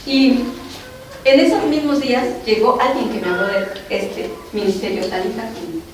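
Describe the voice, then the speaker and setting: A Mexican woman gives an earnest, emotional testimony to her congregation, speaking in a fairly high voice. She is heard from a distance in a very echoey hall, with faint noise underneath. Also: steady tone, normal speed. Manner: earnest, emotional, often addressing the brothers and sisters. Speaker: doctor giving a church testimony. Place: church hall.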